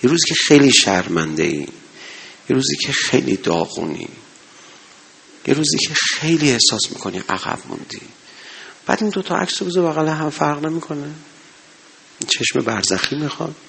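A man preaching a sermon to a gathering, impassioned, swinging between loud exhortation and low murmurs. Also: sing-song, gravelly, pauses often, a little hiss or hum. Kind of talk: religious sermon.

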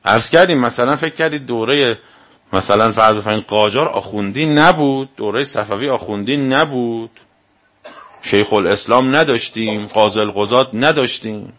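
A male cleric with a mid-range, fairly bright voice delivers a religious lecture to a live audience. He argues his point forcefully, firing off one rhetorical question after another.

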